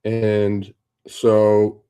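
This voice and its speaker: A middle-aged man from Turkey hosts a casual livestream, musing aloud in a rambling, conversational way. His voice sits low and dark, with a mellow tone and little rise or fall. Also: completely flat delivery, very slow, clear, resonant tone. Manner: rambling, conversational, many fillers and asides. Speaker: host.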